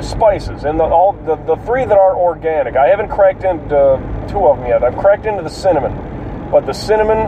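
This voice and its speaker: Congested man with a cracking voice. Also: on the high side. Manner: colloquial, profane, halting. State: congested with a cold, throat clearing. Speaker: podcast host. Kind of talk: casual rambling solo chat. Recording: dull, distant mic, loud vehicle noise.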